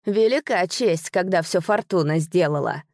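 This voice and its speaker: A woman voicing a spiteful male rival who hisses and sneers in slow, drawn-out words. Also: mid-range voice, expressive, no echo, clean studio sound. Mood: gloating. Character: spiteful gloating rival nobleman.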